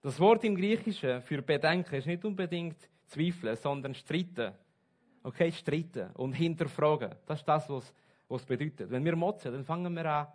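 A man preaching a sermon, switching between soft asides and loud, stressed points. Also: on the high side. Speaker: pastor.

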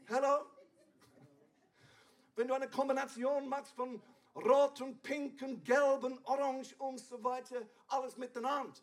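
High-voiced pastor preaching casually. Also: male voice, fairly even intonation, a little slow. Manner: conversational, playful asides with the congregation. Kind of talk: sermon.

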